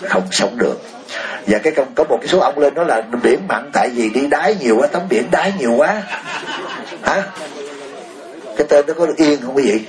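A man's voice: mid-range voice, lively intonation, fairly quick, pauses often, crowd noise. A man giving an impassioned political talk, firing rhetorical questions at his listeners and chuckling often. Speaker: speaker addressing an audience.

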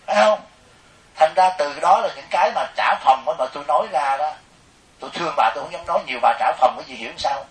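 A middle-aged Buddhist monk with a Southern Vietnamese accent gives a dharma talk to a live audience, telling lively, joking stories and acting out the people he quotes. His voice sits a little high and he speaks quickly. The hall is echoey and the mic is set at a distance.

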